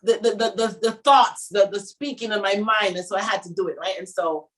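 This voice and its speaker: A woman's voice: mid-range voice, a little fast, echoey room, low-quality recording. A woman from Jamaica with a Jamaican accent, a fashion designer telling her story with upbeat laughs as a guest on a video call from her boutique. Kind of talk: casual interview on a video call.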